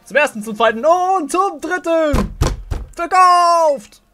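A man voicing an excited market auctioneer in a video game, calling out loudly for bids. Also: very high voice, slow, faint music behind, voice pushed up, full character voice. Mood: rousing, loud. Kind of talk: video game dialogue read aloud.

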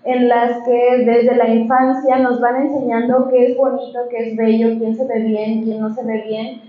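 A woman with a fairly high voice presents her book in a large hall, explaining her ideas in a measured, engaged way. The sound is very echoey and somewhat muffled. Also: flat delivery, a little hiss or hum.

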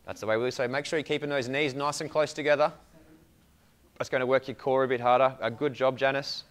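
Calling out brief instructions and words of encouragement, a young Australian man coaches a home workout. He talks fast in a medium-pitched, steady voice. The setting is an indoor room with a hard floor and a whiteboard.

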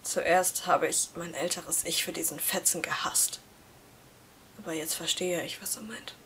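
A woman voicing a quiet, gentle teenage schoolboy who speaks in a soft, half-whispered way while reading a story aloud. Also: fairly low pitch, little pitch movement, takes it slowly, slight background noise. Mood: hushed resigned.

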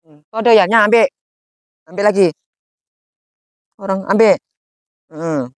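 A man's voice: high voice, slow, dry recording. Guy playing a grumbly naggy village mom from sumatra, mutters snide jabs. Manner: grumbling, mocking asides. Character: grumbling village mother, nagging and quick-tempered. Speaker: comic actor. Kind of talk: slapstick comedy sketch.

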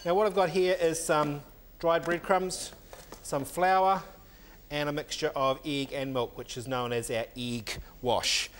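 Fairly high-pitched and measured, a middle-aged chef talks through his recipe one step at a time in a teaching kitchen, with the odd filler "um". A little hiss or hum is audible.

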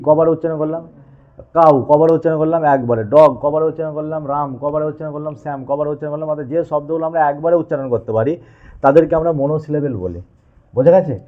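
A man teaching a physics lesson, asking the class questions and then answering them himself. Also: a little high. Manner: addresses students informally. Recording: tinny, phone-like sound.

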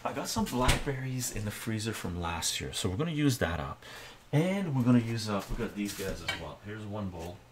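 An older man streaming live from his home kitchen, talking in a soft-spoken, relaxed way, reading viewer comments aloud and often ending with "right?". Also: fairly low pitch, moderate pace, noisy background. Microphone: webcam framing at the counter.

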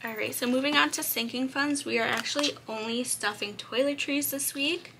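Young woman vlogging her budget, kinda high voice cracking a bit, counting bills out loud, noisy background hiss. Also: moderate pace, vocal fry. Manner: chatty, counts bills aloud, light laughs. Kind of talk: casual chat while counting cash.

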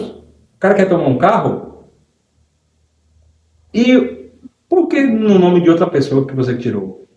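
A man with a Brazilian accent telling a story in casual, slangy talk and acting out what others said. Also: a little high. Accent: Brazilian Portuguese. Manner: animated and slangy, often acting out quotes. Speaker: commentator exposing a preacher. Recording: roomy echo.

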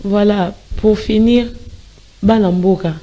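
A Congolese woman giving a promotional pitch in an interview. Her voice is warm and mellow, at a middle pitch. She pushes her points emphatically and repeats them. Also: fairly even intonation, takes it slowly. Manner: emphatic and repetitive, mixing French and Lingala. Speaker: spokesperson.

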